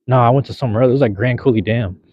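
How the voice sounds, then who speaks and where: A young livestream host races through a casual chat, his mid-range voice carrying no room sound. He's laid-back, slangy and rambling, holding his phone outdoors in a park at night as cold drizzle falls. The recording is slightly dull and lo-fi.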